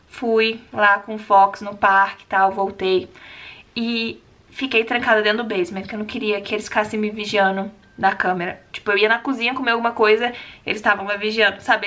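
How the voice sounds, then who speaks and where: A young adult woman telling a personal story in a casual vlog, animated and acting out the voices of the people in it. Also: on the high side. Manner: animated, acts out quoted voices. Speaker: vlogger.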